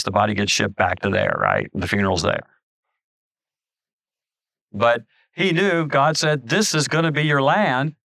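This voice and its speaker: Middle-aged male pastor, gravelly tone, close and dry, talky sermon delivery with restarts. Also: fairly low pitch, a bit bright, no echo. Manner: conversational preaching with frequent restarts and asides.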